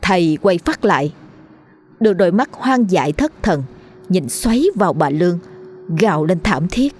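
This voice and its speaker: A woman narrating a horror story in a tense, measured storytelling manner. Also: lowish voice, expressive, a little mellow. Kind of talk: dramatic audiobook narration. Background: faint music.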